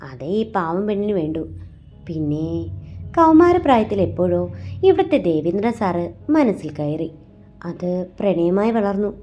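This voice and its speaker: A woman voicing a shy eighteen-year-old orphan girl who talks softly and wistfully about her secret love. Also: lowish voice, lo-fi sound. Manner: soft, wistful, confiding.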